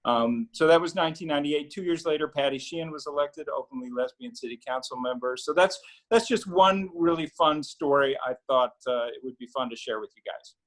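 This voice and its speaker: A middle-aged man, an attorney, telling a story on a video call panel in a relaxed way with many fillers and restarts. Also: fairly high pitch, brisk, few pauses, poor audio. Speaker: attorney and newspaper founder.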